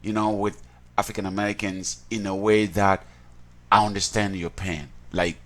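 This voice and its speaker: Guy being interviewed, lowish voice, earnest, keeps repeating and restarting words. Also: level tone, normal speed, fairly bright tone. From Cameroon. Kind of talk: reflective personal account.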